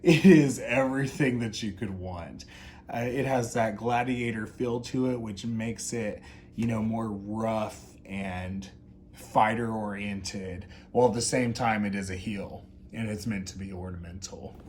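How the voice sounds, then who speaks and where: A man's voice: on the low side, steady tone, a little slow, a little mellow, slight background noise. A man hosting an unscripted review in an effusive, gushing, campy drag-queen manner. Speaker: doll review host. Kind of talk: unscripted product review commentary.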